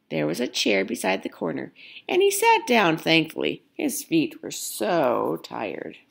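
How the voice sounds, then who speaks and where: With a low, creaky, husky voice, a woman brings a children's picture book to life through expressive storytelling.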